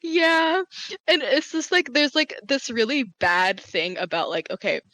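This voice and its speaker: A woman talking casually as a convention panelist, animated and laughing, with lots of "like". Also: high-pitched, measured pace, no room sound.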